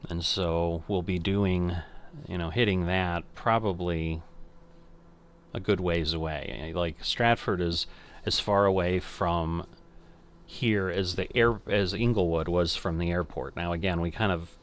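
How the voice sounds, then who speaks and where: A man's voice: sits low, steady tone, measured pace. An older man casually commenting on a flight simulator game, thinking aloud and correcting himself as he goes. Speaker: flight sim streamer.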